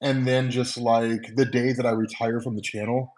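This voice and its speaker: At home over coffee, a comics channel host in his forties chats with his live-stream viewers through wireless earbuds, loose and laughing with many fillers. His mid-range delivery is flat, moderately paced, and a little mellow, captured on a low-quality recording.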